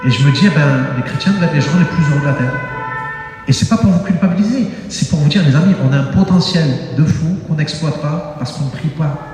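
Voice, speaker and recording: A fairly high-voiced man preaches with animated, emphatic energy, his voice leaping up as he exclaims. The recording is very echoey, with the long reverb of a large church hall around him. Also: fast. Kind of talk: sermon.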